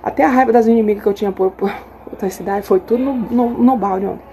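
A woman's voice: mid-range voice, fast, dark tone, slight background noise. A middle-aged woman from Acre, Brazil, with an Acre accent, telling her followers a personal story in an agitated, heated and repetitive way. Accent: Brazilian Portuguese, Acre. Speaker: journalist and mother. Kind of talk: emotional personal account to followers.

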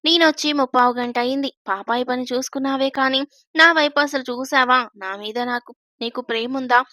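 A woman's voice: high voice, normal speed, sharp tone, no room sound, clean studio sound. A woman voicing an affectionate young husband in a read-aloud story, talking in a playful, sulky, pleading way. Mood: teasing sulky.

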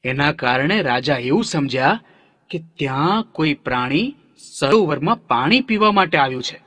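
A man narrating a children's story gently, now and then asking the young listeners questions. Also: a little high, lively intonation, moderate pace. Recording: long reverb hall.

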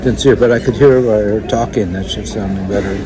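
An older man speaking into a phone held close, his voice sitting fairly low. He talks in a halting, reflective way, full of pauses and fillers, while a crowd chatters clearly around him in a busy indoor room. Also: fairly even intonation. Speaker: vlogger. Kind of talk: casual recounting to camera. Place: indoors in a wood-panelled restaurant or bar. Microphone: phone held close, selfie framing.

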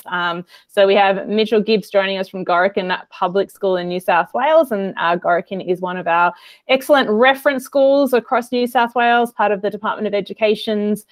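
A woman in her thirties with an Australian accent hosts an online webinar over a video call, presenting casually in a chatty, friendly way full of ums and uhs. Her mid-range voice is clear and resonant, with no echo.

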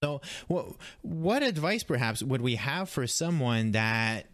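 A man's voice: medium pitch, expressive, a little slow, a bit bright, dry recording, clean studio sound. A man hosting a conversational interview, reflecting and asking questions of his guest. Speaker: interviewer, host.

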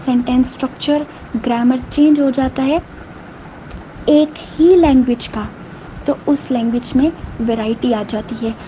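A woman lectures patiently, spelling out each point and then saying it again in other words. Her voice sits high but has a soft, mellow tone. The recording is dull and lo-fi, with a faint hiss underneath. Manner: explains step by step, repeating and rephrasing points. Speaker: teacher. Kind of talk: lecture in Hindi mixed with English terms.

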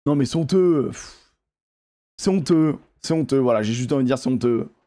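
Hosting a gaming video, a man gives excitable live commentary on his play, swearing often, repeating exclamations, and talking directly to his viewers. His voice is mid-range and his pace moderate.

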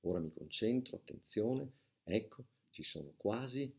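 A man voicing an excitable boy who plays a showy stage magician, announcing everything with theatrical flair. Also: lowish voice, measured pace, husky, heavily acted. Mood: showy, excited.

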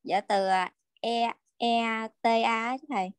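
Polite female student, higher voice. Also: fairly even intonation, takes it slowly, clear, resonant tone, no room sound. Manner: polite, hesitant.

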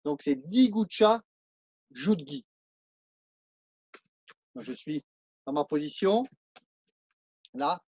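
A man's voice: fairly high pitch, expressive, takes it slowly, long pauses, darkish tone, breathy edge, dull audio. A man with a French accent teaching a martial arts class, counting and explaining moves as he demonstrates them. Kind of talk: live online class instruction.

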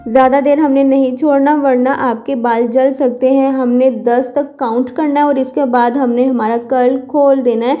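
A woman's voice: high voice, warm tone. A woman giving a patient, step-by-step hairstyling tutorial as a voice-over, often repeating words for emphasis. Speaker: hair stylist teaching a tutorial.

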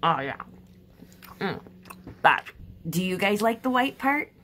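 A woman chatting to viewers in a comedic art vlog, playful and jokey, with drawn-out exasperated sighs. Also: medium pitch, sing-song, fairly bright tone, a little hiss or hum. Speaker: art vlogger.

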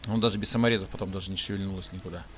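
Low-voiced man explaining his woodwork. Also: racing, soft background music. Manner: relaxed, plain-spoken, explains step by step with fillers. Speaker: woodworking channel host. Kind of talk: casual voice-over narration of a build.

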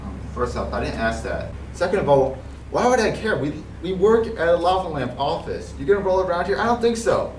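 A man's voice: a little high, sing-song, fairly quick. A man in an amateur film playing a rude, bigoted, sarcastic office boss with a mocking, dismissive manner. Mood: contemptuous. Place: small office, some outdoors. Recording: roomy, noisy camera sound from far off.

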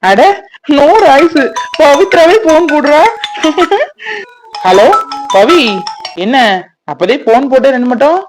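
Woman doing a gentle, caring village fiancé. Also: high-pitched, lively intonation, slow, long pauses, over music, poor audio. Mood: reassuring. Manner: gentle, reassuring, coaxing. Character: young village man, caring and protective fiancé.

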